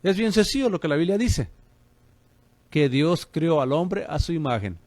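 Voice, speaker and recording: A man's voice: on the high side, animated, moderate pace, a little mellow, no room sound. A man preaching on the radio as a pastor and host, fervent and calling listeners brother.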